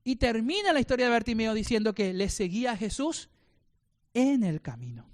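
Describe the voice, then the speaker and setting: A man's voice: very high voice, sing-song, normal speed. A male pastor, preaching a sermon with rhetorical questions and acted-out voices.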